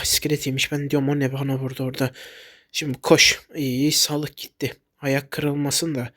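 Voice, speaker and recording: Guy playing a game, a bit sick, fairly high voice, yelps and blurts stuff out. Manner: excitable, blurts out short exclamations. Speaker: gaming YouTuber. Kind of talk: casual gameplay commentary.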